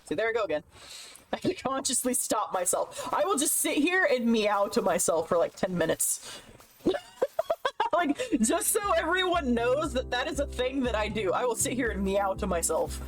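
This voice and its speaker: A rambling, chatty woman streaming from her desk at home, her voice sitting a little high and bouncing around a lot. She laughs often between thoughts, and music plays clearly behind her. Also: sing-song, moderate pace. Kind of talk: casual live-stream chat.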